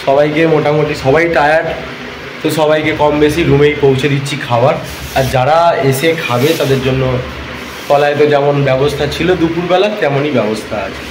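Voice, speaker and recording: Male travel vlogger, weary and chatty, recorded in a roomy space with steady background noise. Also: a little high, a little fast. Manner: chatty, talks straight to viewers. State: tired. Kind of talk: casual travel vlog talk. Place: hotel and beach town, indoors and out.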